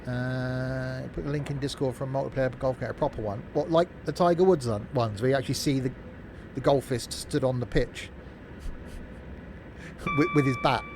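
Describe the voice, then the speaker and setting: A live streamer playing a train simulator talks off the cuff at a moderate pace in a mid-pitched voice. Informal and jokey, he drifts between game commentary and chatty replies to viewers. His streaming microphone runs through a mixing desk, and a steady bed of noise and vehicle rumble is clearly audible.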